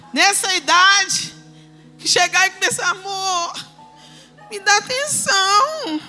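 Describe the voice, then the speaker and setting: A woman in her forties delivers an emphatic church sermon in a very high, bright, forceful voice. She drops into soft asides and then rises to shouted declarations. Faint music plays behind her. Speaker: preacher.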